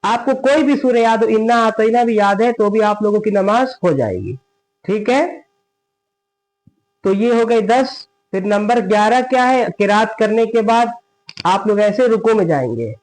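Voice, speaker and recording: A man teaching a step-by-step prayer lesson, asking and answering his own questions and reciting prayer phrases slowly. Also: high-pitched, animated, low-quality recording. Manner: asks and answers his own questions, frequent "theek hai" checks. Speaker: religious teacher.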